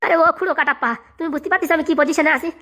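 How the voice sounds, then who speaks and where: A woman voices a frantic cartoon sidekick man who begs and whines nonstop. The voice sits high for a man and races along. Every line pleads for mercy. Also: racing, sharp tone. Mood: pleading. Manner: pleading, whiny. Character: panicked male assistant, hung up as punishment. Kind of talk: comic cartoon dub.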